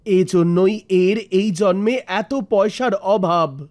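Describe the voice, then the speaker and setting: A man's voice: high-pitched, fairly even intonation, slow, darkish tone. A man voicing solemn, all-knowing god Shiva. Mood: solemn explaining. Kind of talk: animated mythological story dialogue. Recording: music under the voice.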